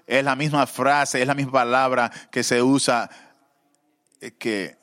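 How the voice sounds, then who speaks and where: Male preacher, mid-pitched voice, fervent sermon delivery with halting fillers. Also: steady tone, a bit bright. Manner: fervent, rising to emotional pleas.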